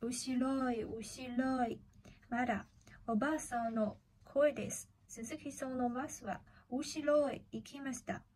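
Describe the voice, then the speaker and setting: Slow, careful woman telling a story. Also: high-pitched, a little mellow, breathy edge. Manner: slow and careful, with repeats and self-corrections. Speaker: language student telling a story. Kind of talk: storytelling speaking task.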